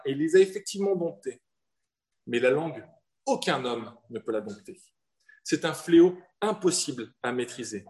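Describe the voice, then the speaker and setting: Earnest French preacher from the south. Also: male voice, fairly high pitch, darkish tone. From southern France. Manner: earnest, rhetorical questions, slows for emphasis. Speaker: pastor. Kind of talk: sermon.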